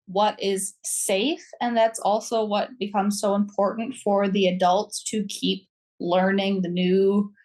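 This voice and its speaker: A woman's voice: mid-range voice, little pitch movement, slow pace, darkish tone. Chatty young woman podcast guest. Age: young adult. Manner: chatty, laughs between phrases, says "like" often. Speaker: youth advisor guest. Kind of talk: casual podcast chat.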